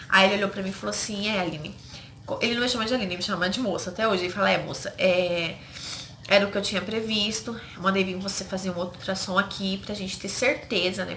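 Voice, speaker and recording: A woman's voice: medium pitch, sharp tone. A woman from Brazil telling viewers a personal story in a casual, emotional way, often calling them "gente" and quoting what others said. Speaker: vlogger. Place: home. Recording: echoey home room with faint noise.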